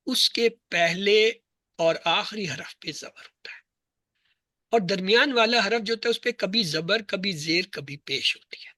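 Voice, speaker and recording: Male teacher, bright clear voice, dry close sound, classroom lesson, asks and answers his own questions. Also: sits high, dry recording. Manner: explains by asking the class questions and answering them himself; slow, spelled-out listing of letters and words. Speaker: Arabic grammar teacher.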